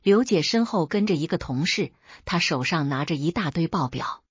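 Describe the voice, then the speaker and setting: A woman narrating a first-person family drama story in a steady, even reading. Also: low voice, moderate pace, husky, no room sound, highs cut off.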